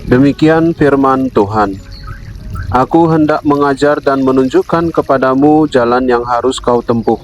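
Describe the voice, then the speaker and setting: A man's voice: medium pitch, highs cut off, a little hiss or hum. Solemn man leading a devotional. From Indonesia. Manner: solemn, measured, addresses listeners as brother. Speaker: devotional speaker.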